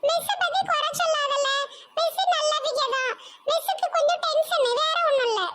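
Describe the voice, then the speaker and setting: A woman voicing an excitable, cheeky schoolboy in a cartoon, with a Tirunelveli Tamil accent. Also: very high-pitched, moderate pace, a little hiss or hum.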